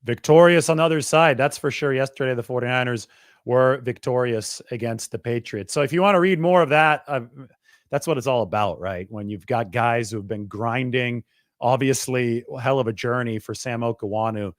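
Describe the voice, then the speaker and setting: A man's voice: mid-range voice, no room sound. Male sports reporter, conversational stat breakdown, dry close sound. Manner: quick, stat-heavy, conversational. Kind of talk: sports analysis monologue.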